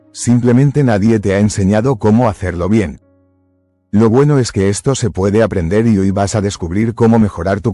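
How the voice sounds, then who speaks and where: A man giving scripted motivational narration in a measured, emphatic way, close to the mic. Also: lowish voice, warm tone, no room sound.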